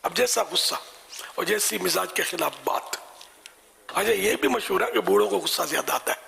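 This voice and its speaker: Older male scholar, very gravelly and sharp-toned, chatty and homely as he answers. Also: high voice, animated, moderate pace. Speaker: religious scholar answering questions. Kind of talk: religious Q&A answer.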